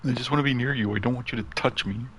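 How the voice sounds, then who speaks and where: A man voicing his clingy, touchy female house cat in a petulant, pleading tone, pitched above his own voice. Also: racing, a bit bright, a little hiss or hum, natural voice, poor audio.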